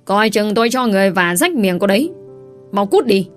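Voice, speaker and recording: Woman reader doing a bossy rich young miss, sharp and snappy, faint music. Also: mid-range voice, lively intonation, fairly quick, natural voice. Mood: haughty. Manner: sharp, commanding. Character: haughty rich young lady, quick-tempered.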